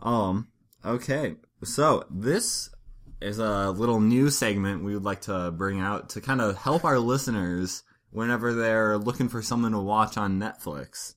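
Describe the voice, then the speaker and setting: A young man from Brooklyn co-hosting a podcast, cracking deadpan jokes in casual chat. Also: on the low side, a little slow. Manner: jokey, deadpan. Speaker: podcast co-host.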